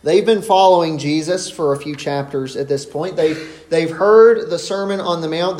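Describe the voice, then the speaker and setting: A man's voice: high-pitched, a little mellow, roomy sound. A man preaching an expository sermon in an earnest, emphatic way. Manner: earnest, emphatic, rises sharply when voicing the disciples.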